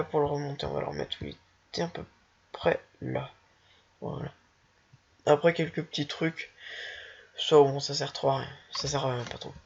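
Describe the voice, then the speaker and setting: A speaker casually walking through a software tutorial while thinking aloud, hesitant and self-mocking. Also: medium pitch, creaky. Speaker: tutorial maker. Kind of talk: casual screen-recorded software walkthrough. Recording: dull lo-fi home recording.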